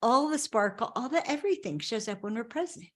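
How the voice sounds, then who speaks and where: Woman, interview guest, slightly high voice, animated storyteller, conversational coaching talk. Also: fairly quick.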